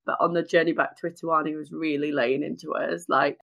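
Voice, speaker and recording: A woman co-hosting a podcast, chatting casually and telling a lively story, acting out the voices of the people in it. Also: sits low, fairly quick, gravelly. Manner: animated storytelling with quoted voices. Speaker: podcast co-host. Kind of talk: casual chat.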